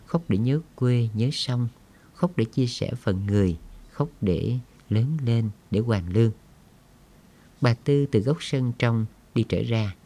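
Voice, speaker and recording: A man reading a story aloud in a slow, somber storytelling manner. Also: medium pitch, mellow. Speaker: audiobook narrator.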